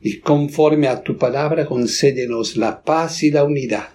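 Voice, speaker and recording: A man leading Mass as a priest, reciting liturgical prayers in a solemn, measured manner. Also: mid-range voice, darkish tone. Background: congregation voices.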